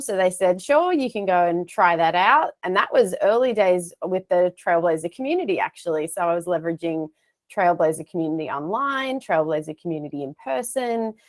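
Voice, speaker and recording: An Australian woman in her thirties, telling her career story in a chatty, self-deprecating way over an earphone mic on a video call from a home office. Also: on the low side. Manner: chatty, self-deprecating, gestures while talking. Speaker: guest speaker. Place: home office with shelves of plush toys.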